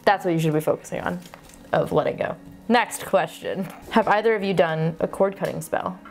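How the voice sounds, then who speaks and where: A woman's voice: lowish voice, moderate pace. A giggly, tipsy woman chatting casually in a question-and-answer video, blunt and freely swearing. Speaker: video creator, tarot reader.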